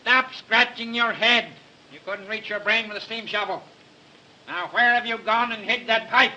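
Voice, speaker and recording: Grumpy snappy crime writer, high sharp voice, barks insults, old 1930s movie. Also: male voice, moderate pace, lo-fi sound. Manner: barking, insulting, impatient. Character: cranky irritable male crime-story writer. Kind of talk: early 1930s film acting.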